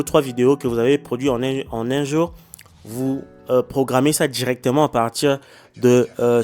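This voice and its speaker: In a laid-back tutorial video with a screen demo, a Chinese-based YouTuber talks indoors about earning money from social media. His male voice sits in the mid-range with a slightly mellow quality. He stumbles on English words since it isn't his first language, hesitating and restarting a lot while addressing viewers directly with repeated "ok?"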